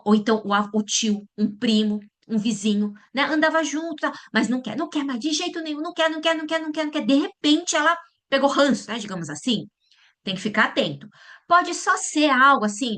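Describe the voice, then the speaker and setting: A woman giving a lecture to parents, animated and often checking in with her listeners. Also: medium pitch. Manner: acts out quoted voices. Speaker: lecturer at a church parents' talk.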